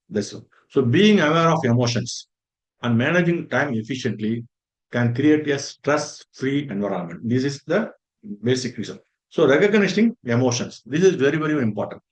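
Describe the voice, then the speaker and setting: A man's voice: medium pitch, expressive, normal speed. Earnest man lecturing teachers. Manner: earnest and repetitive, stresses points with "very, very important" and everyday examples. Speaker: resource person for a faculty development program.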